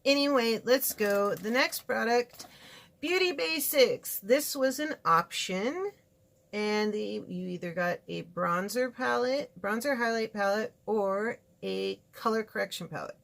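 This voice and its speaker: Speaking a little slowly, this Californian woman gives a casual product review of makeup from her home studio, chatty and frank, wandering off into asides. Her voice is a little high, gravelly and a bit bright, with lively intonation.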